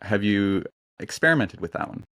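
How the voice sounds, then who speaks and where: Low-voiced man hosting a podcast. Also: animated, normal speed, fairly bright tone, no echo. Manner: asks conversational questions with fillers. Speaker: podcast host. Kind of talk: casual interview chat.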